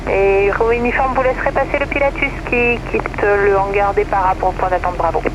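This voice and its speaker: A woman air traffic controller giving clearances in radio phraseology, heard through an aviation radio. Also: mid-range voice, fairly even intonation, normal speed. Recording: muffled aircraft radio with loud cockpit noise. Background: aircraft engine drone.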